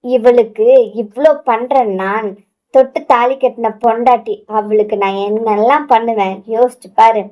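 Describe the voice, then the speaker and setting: A woman reading a short-tempered young husband, snappy and high-voiced, audio romance lead. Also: steady tone, moderate pace, warm tone, close to an everyday voice. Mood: tender, boastful. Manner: scolding, impatient. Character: young husband, hot-tempered but devoted.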